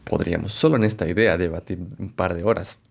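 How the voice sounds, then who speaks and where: A man presenting a philosophy lecture, unhurried and thinking aloud, often checking in with rhetorical questions and correcting himself as he goes. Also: low-pitched, vocal fry. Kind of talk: explanatory lecture to camera.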